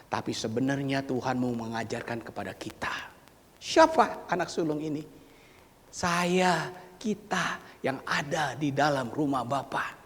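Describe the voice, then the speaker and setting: A male preacher giving a sermon, dramatic and swinging from loud exclamations to near whispers, in a church sanctuary. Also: mid-range voice, a little slow, a little hiss or hum. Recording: reverberant church hall.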